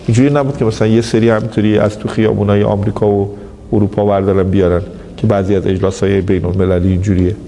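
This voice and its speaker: A man's voice: on the low side, level tone, warm tone. A man giving an anecdotal lecture, telling a story and animatedly quoting the people in it. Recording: reverberant hall, faint background noise.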